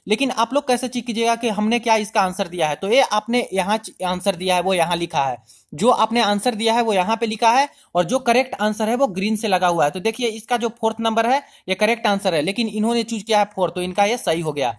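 Male channel host with a high voice, chatty step-by-step tutorial narration, keeps calling viewers friends. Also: brisk. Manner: step-by-step instructional. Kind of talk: screen-recorded tutorial voice-over.

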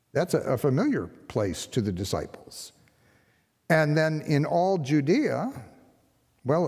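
An older man, an interim pastor, preaching a sermon from a lectern with a conversational tone and rhetorical questions. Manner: conversational, rhetorical questions, lively pitch swings. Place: large church sanctuary, behind a lectern. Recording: long hall reverb in church.

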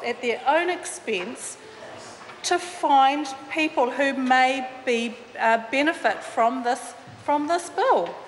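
A woman's voice: sits high, slight background noise. Combative New woman in parliament. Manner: combative, indignant, with many fillers and restarts. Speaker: opposition member of parliament. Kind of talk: parliamentary debate speech. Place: large wood-panelled debating chamber. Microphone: desk microphone. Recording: reverberant chamber with faint ambience.

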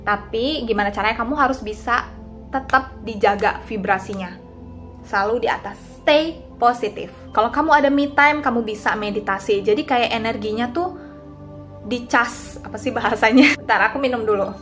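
A woman's voice: fairly high pitch, moderate pace, fairly bright tone, soft background music. A young woman in her twenties giving casual, confiding advice straight to her viewers, like a vlogger chatting about feelings. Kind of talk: casual talking-head advice.

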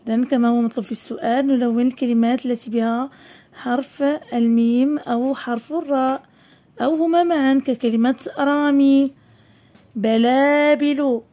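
Slow-syllabling woman teaching young pupils. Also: high voice, warm tone. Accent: Moroccan Arabic. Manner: stretches words slowly syllable by syllable. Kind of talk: primary school lesson.

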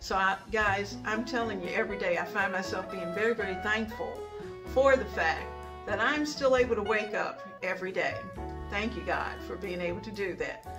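A woman's voice: mid-range voice, normal speed, music in the background. An older woman hosting a home kitchen vlog, chatting casually with homespun advice and thankful asides, recorded at home. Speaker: cooking channel host. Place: home kitchen and dining room, indoors.

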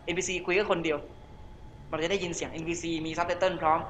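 A man's voice: a little high, steady tone, quick pace, fairly bright tone, slight background noise. A man chatting casually as he plays a game, rambling and correcting himself mid-sentence. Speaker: gaming streamer. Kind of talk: casual gameplay commentary.

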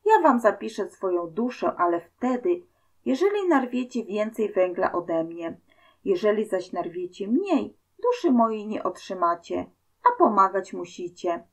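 A woman's voice: medium pitch, big pitch swings, a little slow. A woman voicing a bold, crafty male coal miner who speaks in a mocking, boisterous way. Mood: sly. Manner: mocking, boisterous dialect speech.

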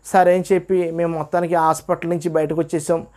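A man tells his testimony in an earnest, storytelling way. His voice sits a little high for a man, and he acts out each line of dialogue. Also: little pitch movement, fast talker, darkish tone. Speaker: testimony speaker. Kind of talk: personal religious testimony.

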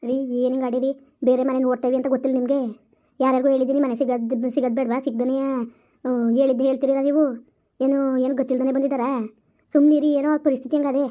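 A woman's voice: high voice, flat delivery, quick pace. A woman acting in a village skit, speaking in a coaxing, soothing manner, recorded with dull lo-fi sound.

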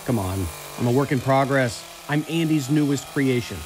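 A man's voice: mid-range voice, moderate pace, noisy background, close to an everyday voice. A man playing Wicket, a chatty wooden teddy bear. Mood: playful. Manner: jokey, teasing, theatrical asides. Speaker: TV news reporter. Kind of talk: first-person narrated news feature.

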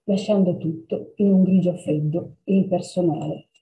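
A woman leading a creative workshop, narrating a story and guiding an exercise gently and without hurry over a webinar mic. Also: lowish voice, fairly even intonation, moderate pace, dull audio. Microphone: computer mic for a webinar.

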